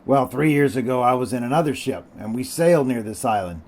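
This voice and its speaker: A man's voice: medium pitch, lively intonation, darkish tone, close to an everyday voice. A man doing Ben Gunn, a cracked old castaway sailor. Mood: storytelling. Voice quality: cracked, rusty voice. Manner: slow, drawling sailor's speech. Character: ragged, half-wild old marooned male sailor.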